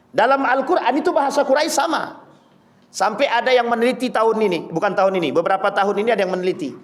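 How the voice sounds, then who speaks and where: A man with a high-pitched voice preaching before a congregation. He tells stories with animated delivery, speaks straight to his listeners and slips into the voices of the people in his tales. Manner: lively storytelling, mimicking voices of people he quotes; addresses audience directly as Bapak Ibu. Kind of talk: sermon.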